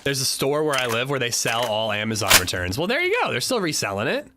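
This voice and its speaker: A man from Pennsylvania, a streamer talking casually with chat while playing a game, animated and swearing freely. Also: medium pitch, fast talker, very noisy. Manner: animated, profane, reacting to chat. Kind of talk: casual gaming livestream chat.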